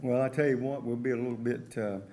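A man's voice: medium pitch, steady tone, quick pace, warm tone. A man hosting a sports talk show in a folksy, conversational style.

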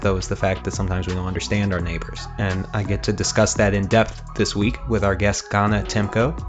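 A man hosting a podcast, introducing a guest and asking relaxed, friendly questions. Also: on the low side. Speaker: podcast host.

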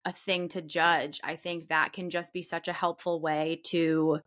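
A woman's voice: deep voice, level tone, measured pace, a bit bright. A woman therapist co-hosting a podcast, talking things through in a reflective, casual way with lots of "like". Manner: reflective, many "like" fillers.

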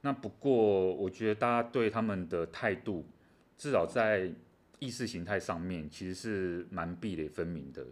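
A man's voice: low-pitched, normal speed. A man co-hosting a casual chat on world affairs, explaining things animatedly with many fillers. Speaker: co-host.

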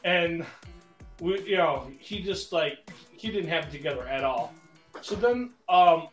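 Casual male podcast co-host, higher voice, rambling storyteller, echoey room with faint music. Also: unhurried. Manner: rambling, animated, many fillers.

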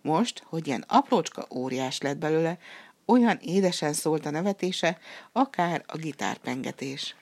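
A woman narrating a fairy tale in a calm, measured storybook reading. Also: deep voice, husky.

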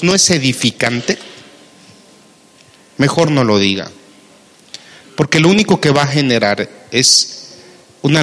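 Mexican pastor preaching in a reverberant hall. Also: male voice, mid-range voice, pushed and bright. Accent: Mexican Spanish. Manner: asks the listeners questions and calls them brother. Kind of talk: sermon.

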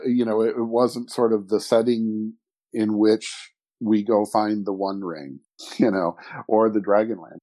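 A man's voice: medium pitch, warm tone. A middle-aged man speaking as a podcast guest, reflective and rambling, often restarting his sentences. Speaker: guest, fantasy author and editor. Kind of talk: podcast conversation.

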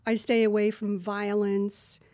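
A woman's voice: mid-range voice, completely flat delivery, measured pace, mellow, dry recording, clean studio sound. A woman from New Jersey, a voiceover artist chatting as an interview guest in a rambling way, full of asides. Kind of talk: casual interview chat.

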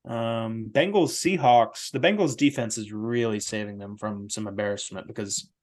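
A man's voice: fairly low pitch, moderate pace, a little mellow. A young man co-hosting a sports podcast, talking casually and joking, often trailing off into fillers. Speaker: podcast co-host.

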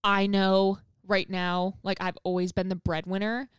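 Chatty young woman, clear smooth voice. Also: medium pitch, flat delivery, a little slow, dry recording, studio quality. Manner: chatty, says "like" often, swears freely. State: expecting a baby. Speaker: podcast co-host. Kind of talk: casual chat between friends.

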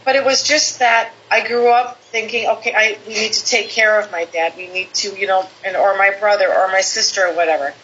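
A woman guest telling a personal story in conversation, animated, quoting people in lively voices. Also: medium pitch, a little fast, few pauses. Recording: slightly dull lo-fi audio with faint background hiss.

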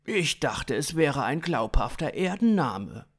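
A man voicing an excitable alien who passes himself off as a human, in an eager, jumpy manner. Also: fairly high pitch, a little slow, voice pushed up, heavily acted.

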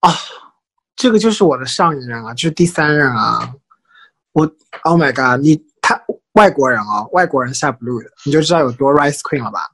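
Animated husky man telling stories. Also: mid-range voice, a little fast, no echo. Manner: animated, gossipy storytelling mixing Chinese and English. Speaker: podcast co-host. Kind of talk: casual chat.

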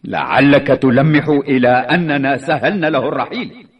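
Husky indignant officer, old radio drama. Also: male voice, medium pitch, lively intonation, normal speed. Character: indignant, suspicious male military leader in debate. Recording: muffled old radio recording.

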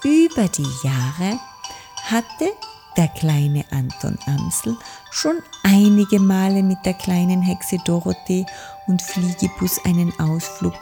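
Slow, gravelly-voiced woman storyteller. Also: on the low side, dark tone. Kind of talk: children's audiobook narration.

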